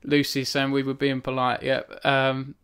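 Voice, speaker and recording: On a live stream from a small room at home, an author in his thirties reads from his own novel, then talks earnestly with viewers into a studio microphone on a stand in front of him. He has a clean, slightly bright mid-range voice, delivered in a measured monotone. He seems self-conscious as he chats, restarting often and leaning on fillers.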